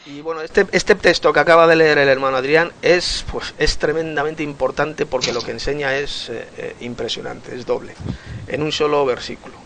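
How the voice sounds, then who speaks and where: A man's voice: a little high, steady tone, normal speed, fairly bright tone, a little hiss or hum. A man leading a Bible study, explaining passages earnestly and repeating key words for emphasis. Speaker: Bible teacher.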